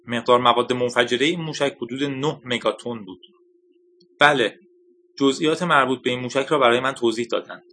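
A man's voice: medium pitch, bright, forceful tone, slight background noise, natural voice. A man reading aloud as a weary older male scientist who speaks thoughtfully and with resignation. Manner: thoughtful, reflective.

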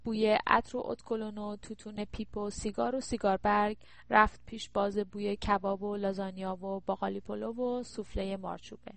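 A woman narrating a novel with steady, descriptive storytelling. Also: mid-range voice, gravelly, dry recording. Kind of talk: audiobook narration.

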